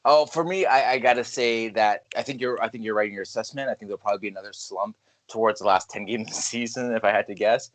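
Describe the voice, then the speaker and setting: A man's voice: lowish voice, fast. Man telling hockey stories. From Canada. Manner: lively storyteller, swears freely. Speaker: podcast co-host. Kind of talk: casual sports chat.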